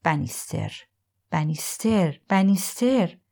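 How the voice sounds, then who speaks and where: A woman's voice: fairly low pitch, expressive, mellow. A woman voicing a defiant male suspect under interrogation in an audiobook, sneering and bargaining. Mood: taunting. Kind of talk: audiobook character voice.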